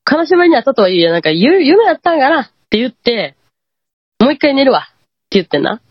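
Kansai woman guest, husky, lively pitch, muffled dry lo-fi call audio, animated ghost-story teller. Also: fast, no room sound. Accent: Kansai Japanese. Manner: animated, acts out quoted lines. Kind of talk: casual ghost-story telling.

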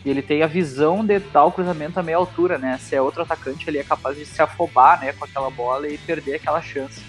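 A man's voice: on the high side, fast. Southern Brazilian man chatting over music. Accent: southern Brazilian, gaúcho. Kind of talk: casual sports chat. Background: music under the talk.

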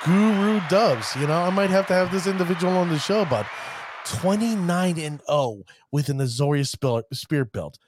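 With background noise behind him, a male podcast host emcees a card-game show, his high-sitting voice lively in intonation at a normal pace. He talks casual hype with showy flourishes and fumbles the players' names.

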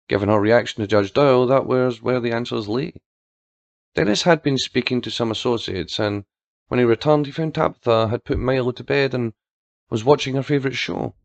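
A man narrating a story aloud in a steady storytelling style and doing voices for the characters. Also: medium pitch, fairly quick, gravelly, no echo, dull audio.

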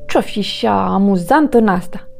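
A woman voicing a serious, proud female crow in a storybook, fussy and superior, croaking now and then. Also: medium pitch, lively intonation, darkish tone, faint music behind. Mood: scornful.

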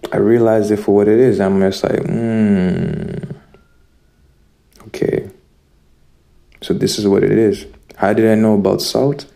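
A Zimbabwean spiritual vlogger with a low, creaky, warm voice delivers an earnest, preachy spiritual monologue directly to his listeners.

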